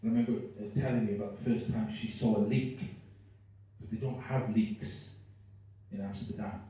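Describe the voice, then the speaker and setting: A man's voice: lowish voice, fairly even intonation, moderate pace, dark tone, highs cut off. Echoey Welsh stand-up man, Swansea accent. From Swansea, Wales. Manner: rambling, self-deprecating, sweary. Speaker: stand-up comedian. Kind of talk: stand-up comedy with audience banter. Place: live comedy venue with small audience. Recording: very echoey room, distant mic.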